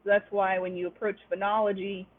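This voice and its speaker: A woman's voice: medium pitch, flat delivery, brisk. A young woman teaching a webinar class, explaining step by step with frequent "um" fillers. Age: young adult. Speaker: webinar instructor. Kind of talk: online lecture. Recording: tinny lo-fi webinar audio.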